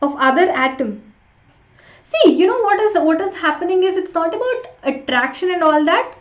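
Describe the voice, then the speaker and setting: Lady teacher on a live class, high voice, chatty, bit echoey. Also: expressive, moderate pace. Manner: chatty, urging students along with repeated short prompts. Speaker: online chemistry teacher. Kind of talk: interactive live online lesson with quiz. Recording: roomy echo, slightly dull sound.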